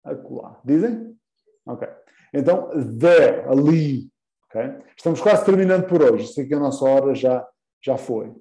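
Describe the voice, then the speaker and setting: Guy teaching english, slow n patient, kinda dark mellow voice, echoey room. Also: mid-range voice, animated. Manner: patient, repeats words, quizzes students. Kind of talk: live class explanation.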